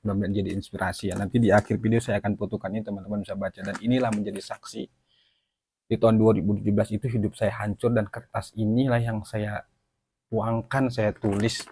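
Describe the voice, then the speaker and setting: A man giving an emotional personal testimony to his viewers, talking haltingly and apologizing for stumbling over his words. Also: on the low side, little pitch movement, dark tone, breathy edge. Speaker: channel host.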